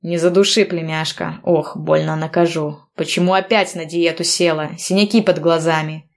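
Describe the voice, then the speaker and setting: A cocky, teasing young man in a read-aloud story. He talks in playful, mock-stern banter. His voice sits fairly low for a woman. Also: fairly even intonation, moderate pace, creaky. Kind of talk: audiobook dialogue reading.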